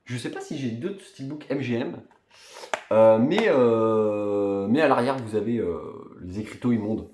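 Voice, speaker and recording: A man's voice: mid-range voice, lively intonation, a little slow, darkish tone, reverberant, slight background noise. A man casually showing off his film collection, chatty and rambling, with many fillers and restarts. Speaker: collector vlogger. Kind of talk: casual unboxing show-and-tell.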